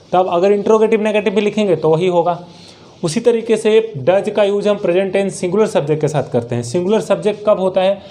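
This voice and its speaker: A man teaching an English grammar lesson, who asks the class questions and then answers them himself, and reads his example sentences out slowly. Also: high voice, mellow. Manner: slow, drawn-out reading of example sentences. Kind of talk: grammar lesson explained in Hindi.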